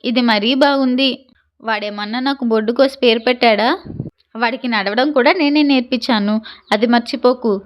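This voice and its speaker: Storybook granny, older, sharp-tongued but loving, raised a little high, read by a woman. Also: normal speed, close to an everyday voice. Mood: fond scolding. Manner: teasing, scolding affectionately. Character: elderly grandmother, teasing, shrewd and caring. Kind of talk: storybook narration with voiced dialogue.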